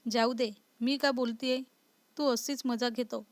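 A woman voicing an indignant young wife who is easily scared and quick to sulk. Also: a little high, fairly even intonation, dry recording. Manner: indignant, sulky.

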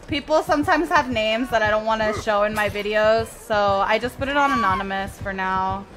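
A woman from Mexico whose first language is Spanish chats during a live gameplay stream, reading and replying to viewer messages while playing. Her mid-range voice is fairly quick, with music in the background.

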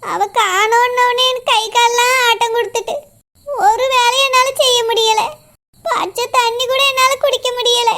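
A woman's voice: steady tone, moderate pace, heavily acted. A woman voicing a middle-aged village mother in a cartoon, crying and pleading over her missing daughter. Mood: tearful. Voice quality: high, bright cartoon voice. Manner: tearful, pleading.

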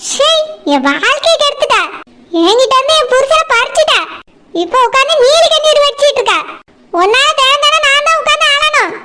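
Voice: lively intonation, a little fast, bright, forceful tone, a little hiss or hum, exaggerated voice. A voice actor playing a jealous, bitter first wife in a cartoon, middle-aged village woman with a Tirunelveli Tamil accent. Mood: scolding. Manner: shrill, scolding and bitter.

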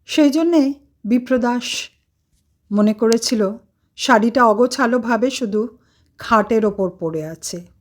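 A woman's voice: a little high, takes it slowly, long pauses. A woman storyteller narrating a devotional story in an earnest, emphatic way.

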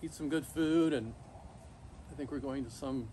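A middle-aged man talking casually and haltingly to camera outdoors, shivering in ice-cold water, pausing often mid-thought. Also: mid-range voice. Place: backyard, outdoors, in an ice bath. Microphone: camera a few metres away. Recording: noisy outdoor recording, ambient hum.

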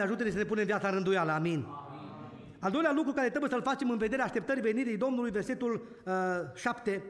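A man preaching a sermon, telling a family story with his voice rising and falling. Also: sits high. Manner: storytelling preacher, voice swelling and dropping. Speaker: pastor. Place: large church hall. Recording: long church reverb.

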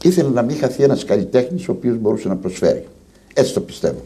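A man with a Cretan accent, a lyra musician being interviewed, telling stories lively and acting out the dialogue. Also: mid-range voice. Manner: animated storyteller, acts out dialogue. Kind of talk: storytelling in an archive TV interview.

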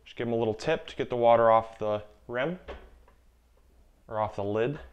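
This is a casual cooking demonstration from a young gardening channel host, a man in his twenties, explaining canning in his home kitchen via a lapel mic. The recording sounds muffled, and his mid-range voice keeps a moderate pace. He stays chatty and instructive, going back over important warnings more than once.

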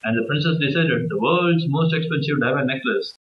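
A man reading a children's story aloud in a halting, uneven way. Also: medium pitch, roomy sound, lo-fi sound. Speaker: storybook reader.

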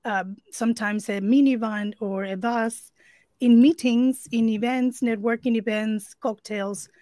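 A woman's voice: a little high, fairly even intonation, a little slow, dark tone, no echo. A woman from Argentina whose first language is Spanish, speaking English as an interpreter giving an earnest conference talk over a video call, with fillers and restarts.

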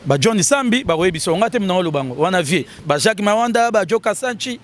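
A man giving an animated, casual interview, his voice jumping higher when he gets excited. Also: brisk. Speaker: interview guest. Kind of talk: casual interview talk in Lingala and French.

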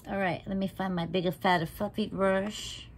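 With the camera close in front of her, a woman in her 60s does her makeup at home in the living room, offering casual tutorial chatter that's frank and feisty, occasionally half-whispered. Her mid-range voice keeps fairly even intonation at a slightly slow pace, over slight background noise.

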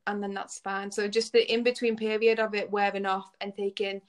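A woman's voice: medium pitch, level tone, fairly quick. A woman in her twenties, originally from Lithuania, whose English carries a semi-Scouse twang, chatting casually as an interview guest and filling her speech with "like". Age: 20s. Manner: chatty, laughs often, peppered with "like". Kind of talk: casual chat.

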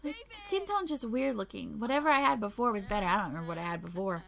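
A woman's voice: mid-range voice, animated, fast, gravelly. A young woman chatting and giggling as she plays a life-sim game for her channel. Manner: giggly, chatty, easily tickled. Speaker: Sims gameplay YouTuber. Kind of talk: casual gameplay commentary.

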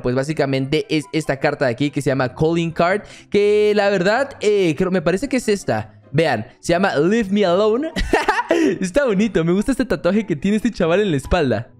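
Young male gaming creator, high and eager voice, lively play-by-play with light music underneath. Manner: excitable, addresses viewers as family. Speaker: gaming YouTuber. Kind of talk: gameplay commentary.

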